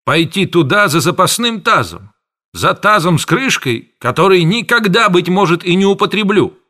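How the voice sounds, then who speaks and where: A man reading an audiobook, voicing a pompous middle-aged male pharmacist who rants and scolds in a loud, raised voice. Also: high-pitched, very animated, moderate pace, pitched above the performer's own voice, full character voice. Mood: ranting, scolding. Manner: shouting scolding tirade.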